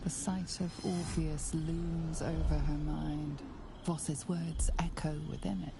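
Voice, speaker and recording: An actress playing a solemn storyteller in a fantasy video game, measured and ominous. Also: female voice, low-pitched, little pitch movement, creaky, noisy background, exaggerated voice. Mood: grave, ominous. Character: solemn omniscient woman narrator of a dark fantasy tale. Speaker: narrator. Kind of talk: scripted dramatic game narration.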